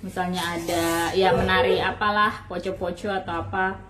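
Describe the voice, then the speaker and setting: Over background music, an Indonesian woman who hosts a parenting channel explains child development tests in a loose, chatty way and often acts out examples. Her voice is lowish and her delivery flat at a normal speed, a casual instructional talk.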